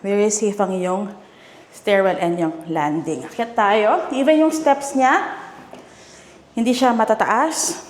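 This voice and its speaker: A woman's voice: medium pitch, takes it slowly. A woman with a Filipino accent hosting a house tour, chatty and enthusiastic, exclaiming often as she walks through rooms. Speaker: property tour host.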